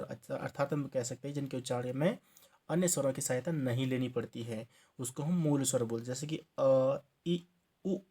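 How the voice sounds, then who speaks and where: A man's voice: mid-range voice, warm tone. Man teaching a grammar lesson. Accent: Hindi from Uttarakhand. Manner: explaining step by step, often repeating "ठीक है" and restarting words. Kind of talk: exam-prep grammar lesson.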